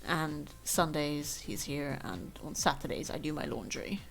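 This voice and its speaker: In a rough recording with faint background music, a young woman streaming from home rambles casually and self-deprecatingly to her viewers. Her low-pitched voice is gravelly and a bit bright, and she takes her time.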